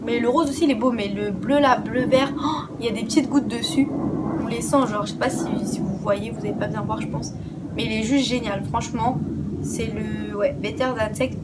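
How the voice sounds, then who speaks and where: A woman's voice: on the high side, fairly even intonation, normal speed, heavy background noise. A young woman chatting casually through a makeup haul, enthusiastic and blunt, often repeating words and dropping the odd swear. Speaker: beauty vlogger.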